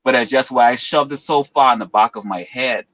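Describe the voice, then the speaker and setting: A man's voice: mid-range voice, brisk, a bit bright, no echo, low-quality recording. A man in his twenties from the Bahamas, talking as a guest in an earnest, philosophical way with long winding explanations. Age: 20s. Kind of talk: reflective interview talk.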